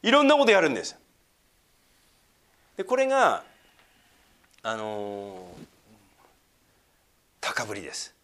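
A man preaching a sermon as pastor, talking conversationally with questions to his listeners and swinging from emphatic lines to hushed, near-whispered asides. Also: medium pitch, huge pitch swings, a little slow, long pauses.

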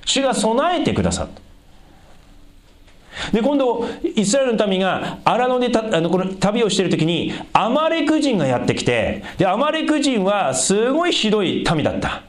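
A man's voice: high voice, wildly swooping pitch, normal speed. A man preaching a sermon as a pastor, talking conversationally and addressing the congregation directly. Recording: echoey room.

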